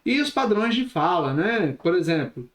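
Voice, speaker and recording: A man's voice: high-pitched, very animated, moderate pace, fairly bright tone, roomy sound. A man with a Brazilian Portuguese accent teaching a recorded online class, talking expressively and gesturing as he explains. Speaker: instructor.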